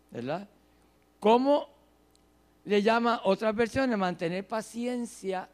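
A man delivers a sermon in a high voice. He talks slowly, dropping to soft, low phrases and then rising to loud, drawn-out emphasis. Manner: dramatic swings between soft and loud, slow drawn-out emphasis. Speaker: preacher.

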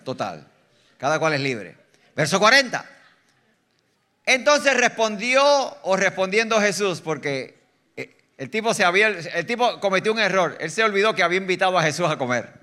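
A man with a Puerto Rican accent preaching an animated sermon as a guest preacher, teasing the congregation and swinging between loud bursts and quiet asides. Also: sits high, brisk. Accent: Puerto Rican Spanish. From Puerto Rico. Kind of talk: lively sermon. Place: church sanctuary.

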